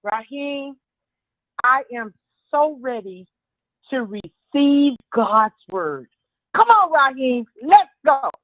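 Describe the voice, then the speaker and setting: A woman's voice: high-pitched, sing-song, slow pace, dry recording, narrow, tinny audio. A woman leading fervent prayer on a radio show with emphatic phrasing.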